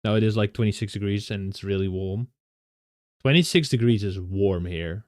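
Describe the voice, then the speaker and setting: A man's voice: lowish voice, normal speed, dry recording, clean studio sound. A young Dutch man with a Dutch accent, chatting casually with viewers, often laughing and restarting his sentences. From Netherlands. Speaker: streamer.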